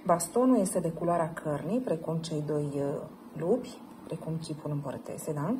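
A woman guiding a participant through a tarot card reading, gentle and probing, often checking in with a short question. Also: low-pitched, noisy background. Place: group session at a camp.

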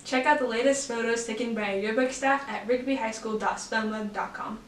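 A woman's voice: a little high, steady tone, fairly quick. A teenage young woman co-anchoring school announcements, reading the news items from a script. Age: teens. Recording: roomy echo, faint noise.

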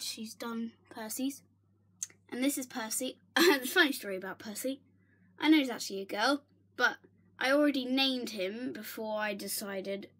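Chatty young woman giving a toy tour. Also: on the high side. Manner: chatty, giggly, with whispered asides. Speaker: toy barn vlogger. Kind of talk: casual toy tour narration. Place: bedroom, indoors. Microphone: handheld phone camera.

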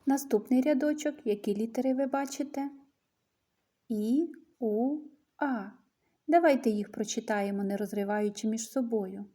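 A woman's voice: on the high side, steady tone, a little fast, hardly any pauses, dark tone. A woman teacher giving an early reading lesson to young children, patiently coaxing them to name and sing sounds.

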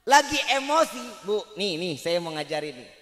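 A man's voice: high voice, big pitch swings, normal speed, bright, forceful tone. A man preaching at a wedding celebration, teasing the audience with slangy jokes in a humorous sermon. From West Java, Indonesia. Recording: hall-like reverb at a live event.

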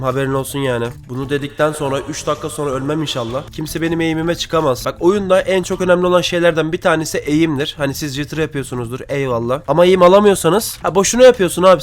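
A man in his twenties, just woken up with a rough, thick voice, giving casual, excitable gameplay commentary and chatting with viewers. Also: fairly high pitch, a little hiss or hum. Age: 20s. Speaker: gaming video creator.

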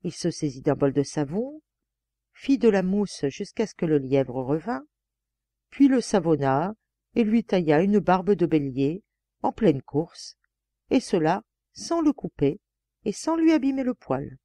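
A woman narrating a classic fairy tale as an audiobook reader, with gentle, expressive storytelling on a close mic. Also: lowish voice, a little slow, dry recording.

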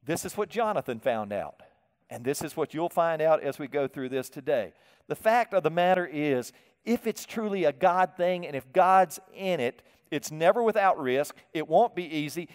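A male pastor delivers a sermon in a folksy, animated way, tossing questions to the congregation and chuckling at his own asides. His voice sits high and comes through smooth and resonant. The sound carries the long reverb of a church sanctuary.

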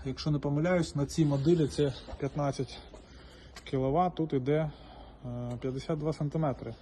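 Man with a mellow voice pitching a boiler. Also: steady tone, moderate pace, a little hiss or hum. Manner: informal, direct appeals to viewers, frequent hesitations. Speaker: salesman presenting a boiler. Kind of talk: casual product walkthrough.

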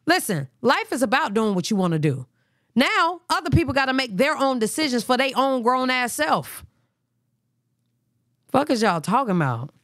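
A woman's voice: medium pitch, no room sound, studio quality. A woman hosting a live reaction stream in blunt, profane casual talk. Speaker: livestream host.

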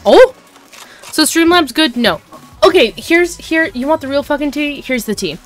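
A woman's voice: high voice, expressive, moderate pace, faint music behind. A woman streaming a game live, chatting casually and swearing, with hiccups.

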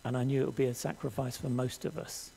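An older man preaching a sermon in a church hall, earnest and measured, reading scripture aloud to the congregation. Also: mid-range voice, flat delivery, vocal fry, warm tone, slight background noise. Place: church hall stage with audience.

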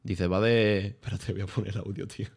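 A man's voice: lowish voice, fast talker, gravelly, breathy edge. A young man, streaming and telling stories in casual chat, full of slang and swearing. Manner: animated storytelling with lots of slang and swearing.

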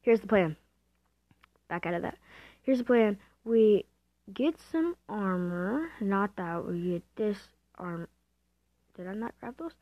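A woman giving casual gameplay commentary, excitable and self-mocking, thinking aloud as she plays. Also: medium pitch, takes it slowly, long pauses, no room sound. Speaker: gamer. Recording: dull lo-fi dry home recording.

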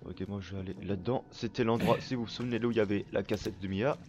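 A man giving casual gameplay commentary while he plays, swearing constantly and breaking into excited outbursts. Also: lowish voice, very fast, dull audio, faint music behind. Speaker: let's play gamer.

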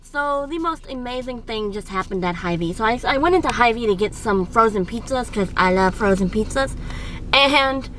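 A woman's voice: a little high, lively intonation, normal speed, fairly bright tone, slight background noise, low-quality recording. A young woman rambling goofily and self-deprecatingly in a casual vlog, filmed on a handheld camera at work and at home. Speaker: vlogger. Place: workplace and home.

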